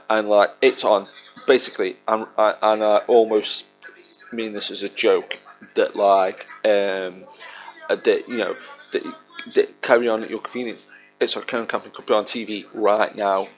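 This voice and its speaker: Gravelly man rambling over a film. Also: fairly low pitch. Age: 30s. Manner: rambling and chatty, laughs along. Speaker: podcast host. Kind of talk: casual fan film commentary. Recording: dull lo-fi recording with faint film soundtrack.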